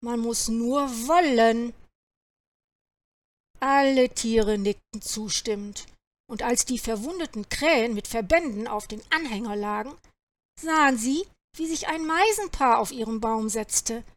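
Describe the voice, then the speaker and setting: Female storyteller, high voice, slow unhurried reading of a children's tale, dry close sound. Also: no room sound.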